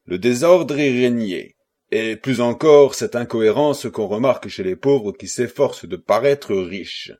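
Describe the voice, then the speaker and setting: A man narrating a classic novel for an audiobook, in a measured and expressive reading style. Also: medium pitch. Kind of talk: scripted narration.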